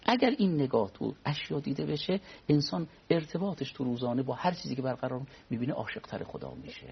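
A man speaking as a cleric guest on a religious talk program, explaining in a measured way and quoting Arabic prayers. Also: mid-range voice, lively intonation, creaky, husky, lo-fi sound. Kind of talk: religious discussion.

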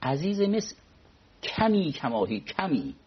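A man speaking as a cleric guest on a religious talk program, explaining in a measured way and quoting Arabic prayers. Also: fairly high pitch, very animated, muffled recording, a loud crowd. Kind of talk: religious discussion.

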